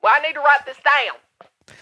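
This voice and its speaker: Brief: a woman playing a high, bright-voiced granny caller who rambles. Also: normal speed, dry recording, muffled recording. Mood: flustered. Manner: rambling, flustered, calling for help. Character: scatterbrained older Southern woman caller. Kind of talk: comedy radio sketch.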